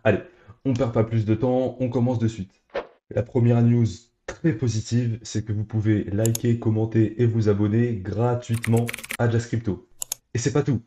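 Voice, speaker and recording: A man's voice: on the low side, mellow, roomy sound, lo-fi sound, a little hiss or hum. A young man hosting a crypto news channel, talking straight to his viewers in an upbeat, scripted way. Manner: upbeat, direct address to viewers. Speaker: crypto YouTube host.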